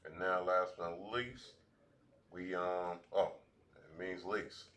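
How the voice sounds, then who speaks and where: A man teaching a language class at a board, talking in halting bursts with many restarts. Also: sits low, fairly even intonation, a bit bright.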